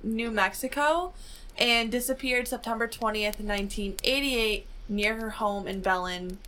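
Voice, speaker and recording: Bright young woman reading case notes. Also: a little high, unhurried, a little hiss or hum. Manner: giggly, with "um"s. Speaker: podcast co-host presenting a case.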